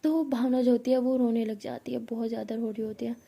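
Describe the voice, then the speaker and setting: A woman's voice: a little high, flat delivery, a little fast, gravelly, dark tone. A woman casually retelling a romance story in a chatty, conversational way.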